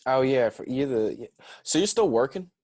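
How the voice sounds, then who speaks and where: A man's voice: mid-range voice, expressive, normal speed, a little mellow, no room sound, clean studio sound. A young man with a Southern US accent, a comedian chatting casually as a guest on a podcast recorded over a video call, rambling and laid-back. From Georgia.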